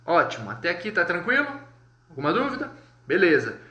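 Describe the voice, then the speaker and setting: A man with a Brazilian Portuguese accent teaching a live online French lesson, explaining step by step, checking in often with viewers and saying French words slowly and clearly. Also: sits high, wildly swooping pitch, bright, forceful tone. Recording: echoey room.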